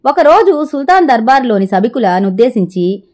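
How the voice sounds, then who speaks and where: A woman storyteller reading a folk tale aloud with a lively narrating manner. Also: fairly high pitch, fairly quick.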